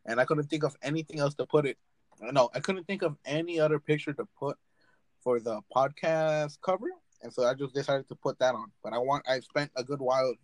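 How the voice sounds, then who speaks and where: Blunt rambling young podcast host, dry. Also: male voice, mid-range voice, brisk, no room sound. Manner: rambling, blunt, swears freely. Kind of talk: casual podcast chat.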